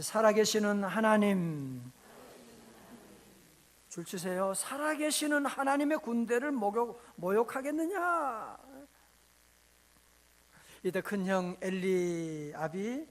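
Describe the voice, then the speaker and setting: A man preaching a sermon as pastor, telling the story vividly and asking the congregation rhetorical questions. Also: high-pitched.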